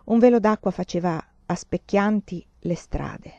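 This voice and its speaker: A woman reading a novel aloud in a measured, expressive way. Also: medium pitch, no room sound, lo-fi sound. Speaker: audiobook reader. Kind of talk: literary audiobook narration.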